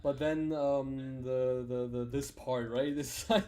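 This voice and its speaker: A man's voice: mid-range voice, fairly even intonation, slow pace, over a noisy crowd. A young man hosting a casual chat, who stumbles, repeats words and breaks into laughter easily. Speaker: podcast host.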